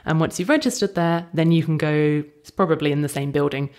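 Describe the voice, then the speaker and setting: A woman co-hosting a podcast in casual chat, jokey and quick to laugh. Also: low voice, a little mellow. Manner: chatty, jokey, laughs often. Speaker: podcast co-host.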